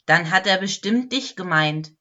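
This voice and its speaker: A helpful little Christmas elf explains things in a friendly way, read out by a woman. His voice is bright and slow, with a slightly dull, lo-fi sound. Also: fairly low pitch, lively intonation.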